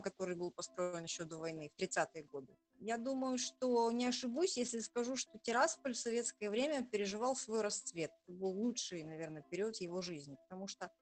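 A woman in her forties from Transnistria, a journalist speaking in an interview in a proud, thoughtful way with hesitant pauses. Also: medium pitch, soft background music. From Transnistria, Moldova. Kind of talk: conversational interview.

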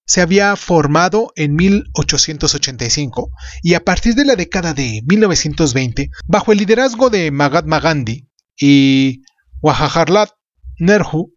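A man's voice: on the high side, animated, normal speed, dry recording, dull audio. A man hosting a podcast, reading scripted history narration. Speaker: podcast host.

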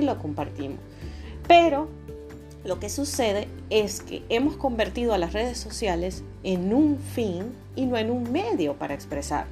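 A woman hosting a podcast, giving a casual reflective monologue in an expressive, emphatic way. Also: medium pitch. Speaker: podcast host. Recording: music behind the voice.

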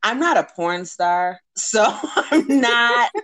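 A woman co-hosting a casual chat, telling stories slowly and drawn out. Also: on the high side, lively intonation, fairly bright tone.

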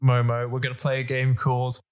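Podcast host guy, playful, running silly games, mid-pitched voice. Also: monotone, fairly quick, clean tone. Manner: playful, leading games and questions. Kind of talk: casual chat.

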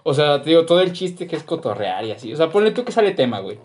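A man's voice: on the high side, very animated, quick pace, darkish tone. A young man with a Mexican accent, chatting casually on a podcast with friends, rambling and full of slang and fillers. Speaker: podcast co-host. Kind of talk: casual chat.

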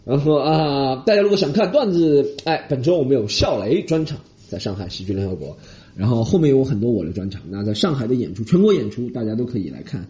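Animated male comedian, mellow voice. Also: medium pitch, quick pace, muffled recording. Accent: Mandarin Chinese. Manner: animated, mixes English phrases, mocking voices. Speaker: comedian podcast host. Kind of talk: casual comedic monologue.

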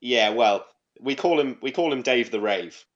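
Crude, teasing British podcast host. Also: male voice, medium pitch, animated, moderate pace, highs cut off. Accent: British English. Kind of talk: casual banter podcast.

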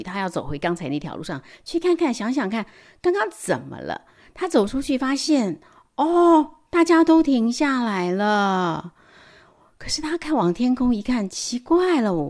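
A woman reading a picture book aloud to children, animated, with playful sound words and hushed asides. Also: a little high. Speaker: storyteller. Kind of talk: storybook read-aloud for children.

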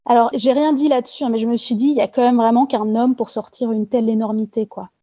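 A woman's voice: a little high, fairly even intonation, fast, warm tone, no echo, dull audio. A woman testifying anonymously in an interview, talking earnestly with frequent hesitations and fillers. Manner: hesitant, many fillers and restarts.

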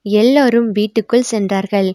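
A woman narrating a historical novel as an audiobook, in a formal, measured storytelling manner. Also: mid-range voice, fairly even intonation, dark tone, dry recording, clean studio sound.

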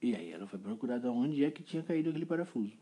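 A man telling an improvised children's story in a playful, animated way. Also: mid-range voice, racing, husky.

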